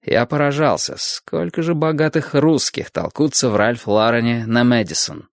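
A man narrating an audiobook in an expressive, measured storytelling manner. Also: mid-range voice, vocal fry, no room sound, studio quality.

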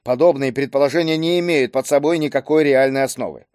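A man's voice: medium pitch, quick pace, darkish tone, dry recording, studio quality, lightly acted. Male reader as an irritable boss, curt and decisive. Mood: irritated. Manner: brusque and impatient.

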